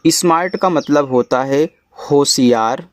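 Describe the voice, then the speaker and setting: Slow-spelling Hindi-accented male teacher, dry sound. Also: mid-range voice, no echo. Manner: spells words letter by letter slowly, then explains. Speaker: English teacher. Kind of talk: spelling and reading lesson.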